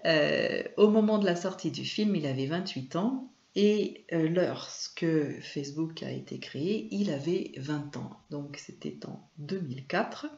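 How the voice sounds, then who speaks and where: A woman's voice: low voice, unhurried, creaky, a little mellow. A woman from France presenting a video lesson on film and media, talking unhurriedly with many hesitations and self-corrections. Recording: echoey room, dull lo-fi sound.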